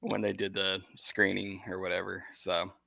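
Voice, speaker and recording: A man with a low, gravelly voice chats as a podcast guest, animated and quick to laugh. His tone is sharp and bright, and the sound is dry and close. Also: no echo. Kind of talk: casual podcast chat.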